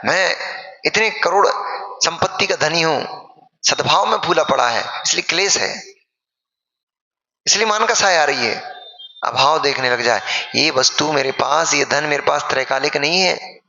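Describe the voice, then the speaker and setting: A man, a monk, giving an animated sermon and acting out wailing mourners. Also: a little high, unhurried, pauses often. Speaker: Jain monk preacher. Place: large sermon hall. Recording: echoey hall, dull lo-fi sound.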